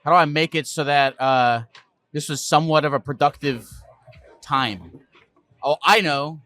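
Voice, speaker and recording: Rambling deadpan male host, street interviews outdoors in a park, slightly high voice, dry close sound. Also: a little slow, no echo. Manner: rambling, deadpan comic monologue. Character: man in a gecko costume.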